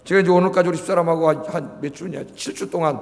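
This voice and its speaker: This middle-aged pastor's voice sits on the high side, steady in tone, fast and touched with vocal fry. Preaching at a Friday prayer service, he fires rhetorical questions at his congregation and urges responses, his sermon echoing with long hall reverb in the sanctuary.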